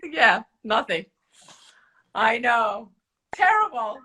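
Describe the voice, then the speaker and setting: A middle-aged woman from Turkey, speaking English with a Turkish accent, telling animated stories in casual podcast chat with slightly broken English. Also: on the high side, slow pace, husky. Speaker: podcast host.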